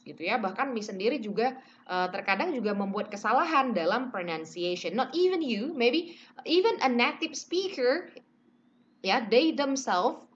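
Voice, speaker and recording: A woman's voice: on the high side, a bit bright, dull audio, a little hiss or hum. A woman teaching English pronunciation in a casual online lesson, chatting, mixing in English phrases and modelling sounds.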